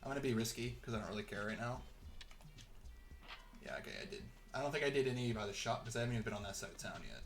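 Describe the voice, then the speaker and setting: A man's voice: mid-range voice, expressive, rapid-fire, soft background music. A young man giving rambling, chatty let's-play commentary while he plays, chuckling often. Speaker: gameplay commentator.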